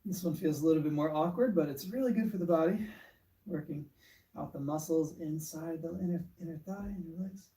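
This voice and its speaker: A man guiding a yoga class, giving relaxed, encouraging cues with casual fillers. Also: fairly high pitch, a little fast. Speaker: yoga instructor. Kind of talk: guided yoga class instruction. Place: studio room. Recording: echoey room, far from mic.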